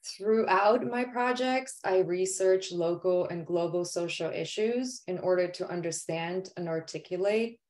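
Born in Poland and raised in Greece, this woman gives an earnest artist presentation over a video call, her fairly low, darkish voice slipping in the odd "um" as she explains her work.

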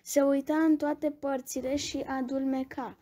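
A woman reading a bedtime story aloud, gentle and expressive, with small restarts. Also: high-pitched.

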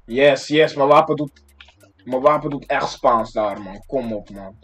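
A young man from the Netherlands giving excitable, slang-filled gameplay commentary, breaking into sudden yelps and shouts. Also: mid-range voice, unhurried, soft background music. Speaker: gaming streamer.

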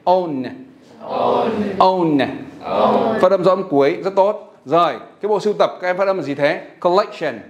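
High-voiced, energetic male English teacher. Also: moderate pace, gravelly, a crowd in the background. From Vietnam. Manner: energetic, coaxing students to repeat words. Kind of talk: classroom vocabulary drill.

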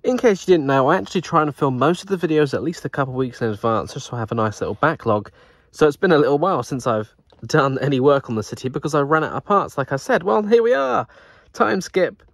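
A man's voice: fairly high pitch, expressive, fast, creaky, dry recording. Chatty man, dry close sound. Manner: chatty, upbeat, thinking aloud. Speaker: Lego builder and channel host. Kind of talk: casual narration over build footage.

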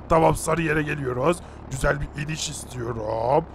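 A man's voice: fairly high pitch, unhurried, slight background noise. A man voicing Herobrine, a boastful muscular boy racer in a Minecraft animation, who taunts the others.

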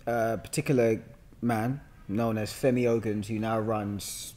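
His voice sits fairly low and his pace is measured: he is a Hackney-born actor in his thirties with a London accent, guesting on a podcast. In relaxed conversation he animatedly tells slangy, humorous anecdotes, captured by a boom-arm podcast mic in a studio room furnished with a sofa.

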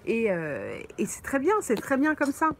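A woman teaching French on a live stream, slowly answering viewers' comments with frequent pauses and fillers, from a holiday mobile home. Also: on the high side, huge pitch swings, slight background noise. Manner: slow, patient, thinks aloud with many fillers.

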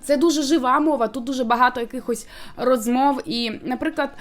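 A woman in casual chat, reviewing a manga and explaining her points with a steady flow of fillers. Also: high-pitched, fairly quick, faint music behind. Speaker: booktuber co-host reviewing manga.

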